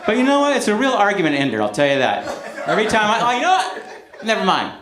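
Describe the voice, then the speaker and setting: A man's voice: high-pitched, huge pitch swings, quick pace, crowd noise. A man performing self-deprecating stand-up comedy live on stage. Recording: echoey, noisy live club recording.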